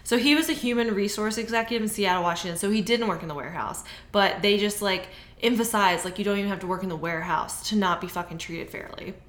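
Woman, casual podcast chat, swears freely, acts out quotes, mid pitch, echoey room. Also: quick pace, few pauses. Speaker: podcast co-host.

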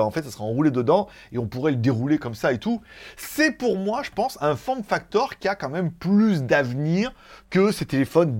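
A man hosting a casual tech news show, rambling through asides and laughing at his own jokes. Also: fairly high pitch. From France. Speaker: tech YouTuber host.

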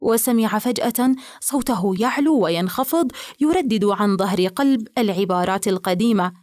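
A woman reading literary fiction aloud in a measured storytelling manner. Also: mid-range voice, a little mellow, dry recording. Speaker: audiobook narrator. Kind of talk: scripted literary narration.

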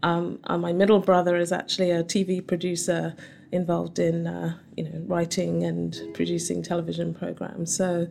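A woman's voice: lowish voice, completely flat delivery, normal speed, creaky, mellow. A middle-aged woman from southern England with a home counties accent, answering interview questions in an articulate, explanatory, conversational way. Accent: southern English, home counties. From Surrey, southern England. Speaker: interview guest, company chief scientist. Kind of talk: conversational interview answers about personal background.

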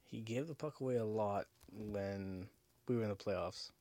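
A man's voice: on the low side, normal speed, mellow, dry recording. A drunk man hosting a casual sports podcast alone, rambling, repeating himself and swearing. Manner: rambling, profane, repetitive. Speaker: podcast host.

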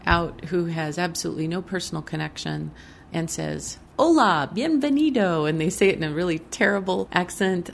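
A woman who directs a community center speaks in a measured, earnest interview clip. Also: lowish voice, steady tone, vocal fry.

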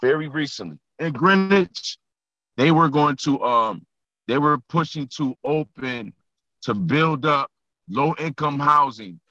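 An earnest, emphatic man comes through an online conference call that sounds dull and dry, with no room sound around him. His voice is bright and pointed, and he drives his points home by repeating key phrases. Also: on the high side, lively intonation, measured pace, no room sound. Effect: heard over an online conference call. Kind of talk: impassioned group discussion. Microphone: computer or phone mic on a video call.

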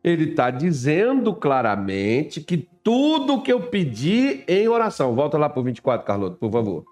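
Um homem pregando um sermão informal com humor, conversando com a congregação e imitando vozes de fiéis. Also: male voice, on the high side, huge pitch swings, moderate pace, a little mellow, soft background music. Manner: chatty, acts out voices of churchgoers; directs someone to put up Bible verses. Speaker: preacher. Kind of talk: informal sermon with humorous asides.

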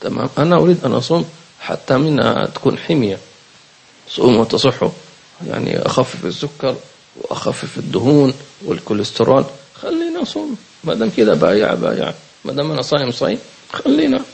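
A man's voice: medium pitch, animated, fast, vocal fry, a little mellow, breathy edge. A man teaching a religious lesson, asking questions, repeating key words and checking that listeners follow. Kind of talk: lesson commentary on a religious book.

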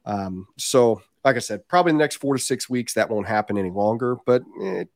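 A man from southern Indiana, near the Kentucky border, talks casually and candidly as a guest on a podcast; he runs a reptile business. His voice sits on the low side and moves fairly quickly. The recording is dry and studio quality.

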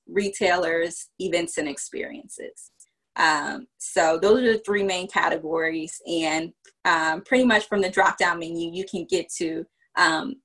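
On a casual podcast, a business founder from Virginia talks in a fairly low, slightly bright voice. She breaks her explanations into steps and uses many fillers.

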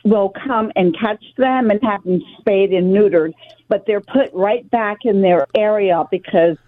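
A woman's voice: mid-range voice, measured pace. A woman calling in to a radio show by phone, chatting casually and a little hesitantly over a tinny, echoey line. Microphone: telephone.

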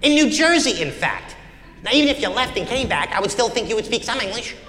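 An exasperated, stern judge, played by a man who scolds with impatience. His voice is very high and bright with lively swings. It echoes through a hall with long reverb. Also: fast, full character voice. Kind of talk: comedy sketch acting.

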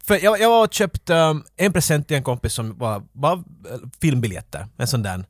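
A man, co-hosting a podcast and telling a rambling, animated story in casual chat. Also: on the high side, dry recording, studio quality. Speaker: podcast co-host.

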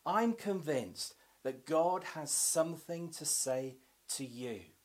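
A man delivers a devotional Advent reflection in a slightly raised pitch, taking his time over every phrase. His measured, unhurried reading of scripture often sinks into soft, hushed tones. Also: animated.

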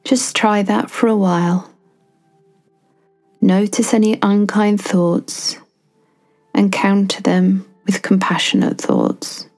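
A woman guiding a self-compassion meditation, speaking softly and soothingly with long pauses between phrases. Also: mid-range voice, fairly even intonation, faint music behind. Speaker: meditation guide.

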